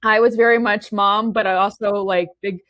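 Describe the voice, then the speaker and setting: A Romanian woman in her forties chats casually as an interview guest, in a mid-range, fairly bright voice with fairly even intonation at a moderate pace. She often restarts sentences and tags them with "okay?". The recording is dry and studio quality.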